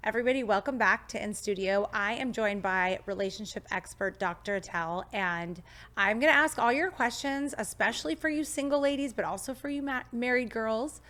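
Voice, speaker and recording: This woman's voice is on the high side and fairly bright, and she talks fairly quickly. In her thirties, she hosts a studio podcast interview, bubbly and upbeat, moving from a scripted opening into easy conversation with her guest.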